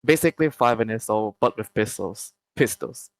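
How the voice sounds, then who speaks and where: A young man from Malaysia, answering interview questions casually with many pauses and restarts. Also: fairly low pitch, expressive, no echo, rough recording.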